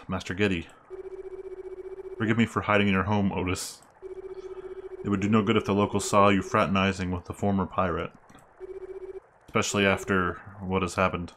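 Man voicing a deep, grave, formal former pirate. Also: natural voice. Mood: courteous. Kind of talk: reading game dialogue aloud. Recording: clear background noise.

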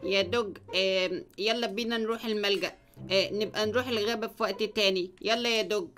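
A man's voice: high-pitched, steady tone, fast talker, pushed and bright, soft background music, voice pushed down. A man voicing a sly, boastful male fox with an Egyptian Arabic accent, talking in a coaxing, self-assured way in a game role-play. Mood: soothing.

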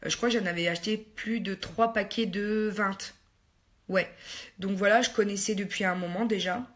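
A woman's voice: mid-range voice, fairly even intonation, moderate pace. A woman chatting casually to her viewers while doing her makeup, hesitant with many fillers and teasing herself in asides. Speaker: beauty vlogger. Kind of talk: casual get-ready-with-me makeup chat.

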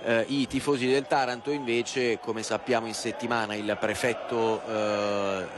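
A man doing live play-by-play football commentary for television. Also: lowish voice. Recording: live broadcast over loud stadium noise. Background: outdoor stadium ambience.

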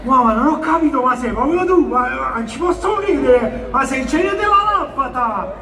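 A man's voice: very high-pitched, lively intonation, moderate pace. A man playing a naive, lovestruck poor young man in a stage comedy, exclaiming wide-eyed. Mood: amazed. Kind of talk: broad stage comedy acting. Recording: echoey, distant, loud music behind.

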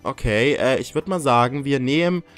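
A young man talks his viewers through a game in a loose, joking way, his pitch bouncing all over the place. He yelps and curses when something catches him off guard. Faint game music plays underneath. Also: normal speed. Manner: excitable, jokey, swears and yelps when startled. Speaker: gaming YouTuber. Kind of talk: casual let's-play commentary.

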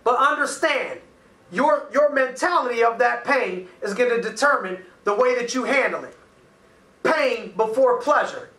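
A man in his thirties coaching to camera with a high, bright, punchy voice, driving each point home with energy. He talks in a small office that sounds echoey, his voice picked up from a few feet away. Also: measured pace, recorded from a distance. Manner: energetic, emphatic, gesturing with his hands. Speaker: motivational coach and host. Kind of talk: motivational talk to camera. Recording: echoey room, voice a little off-mic.

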